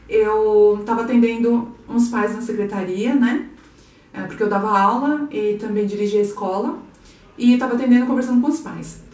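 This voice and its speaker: A woman sharing a heartfelt personal testimony in a soft, earnest, unhurried way. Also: fairly high pitch. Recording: echoey room, mic a bit far.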